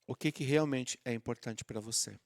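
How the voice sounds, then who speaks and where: Preaching in a church auditorium, a man from southern Brazil speaks at normal speed in a mid-range voice, captured dry and at studio quality. As pastor, he addresses his listeners in a warm, familiar, conversational manner and acts out example prayers.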